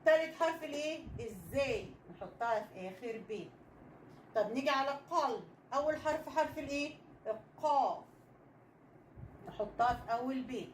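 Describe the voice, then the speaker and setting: A young Egyptian woman teaches children to read, sounding out letters slowly and repeating each one patiently. Her voice sits a little high. It rings in an echoey room with a faint hiss underneath. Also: expressive. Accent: Egyptian Arabic. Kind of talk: children's reading lesson.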